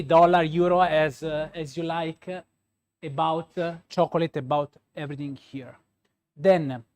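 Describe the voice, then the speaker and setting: A man's voice: high voice, a little mellow. A male pastry chef from Rome with a Roman Italian accent and Italian as his native language gives a live demonstration, searching for words and repeating points for emphasis. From Rome, Italy.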